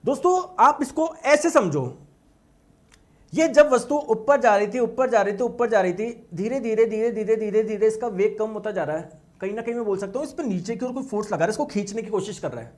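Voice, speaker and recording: High-voiced man teaching a physics class. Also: brisk. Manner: energetic, repeats words for emphasis, asks students yes-or-no questions.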